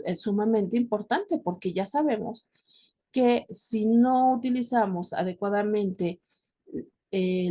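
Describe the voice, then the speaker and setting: A woman's voice: mid-range voice, dark tone. A woman with a Mexican accent teaching a recorded lesson, explaining patiently and checking in with her students as she goes. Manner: addresses students directly. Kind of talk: recorded class lecture.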